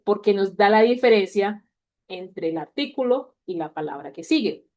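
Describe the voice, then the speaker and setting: A woman's voice: medium pitch, darkish tone. Patient woman teaching English grammar. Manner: patient, repeats example words slowly and clearly. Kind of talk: explaining English grammar in a class.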